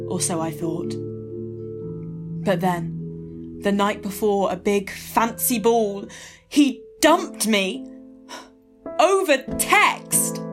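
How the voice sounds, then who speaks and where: A young woman playing an eager trainee detective, earnest and expressive, in a comic audio drama. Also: fairly high pitch. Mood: wistful, melodramatic. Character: eager, punning young female trainee detective, sensitive and forthright.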